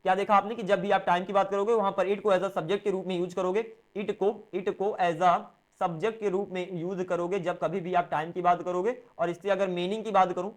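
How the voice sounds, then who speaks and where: An Indian man teaches a spoken English class in a high, light voice. He switches between Hindi and English and walks through examples one by one. He often asks a question and then answers it himself. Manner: explains step by step, asks and answers his own questions.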